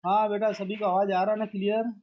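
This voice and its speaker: A man's voice: high voice, level tone, fairly quick, lo-fi sound. A man teaching a math class online, calling his students "beta" and mixing English math terms into his explanations.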